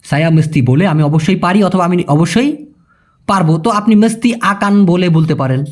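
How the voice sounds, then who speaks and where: Brisk and high-pitched with a darkish tone, this young Bangladeshi man teaches a language in a casual video lesson, his Bangladeshi Bengali accent clear. He chats easily, addresses viewers as "brother," and makes sure they follow along.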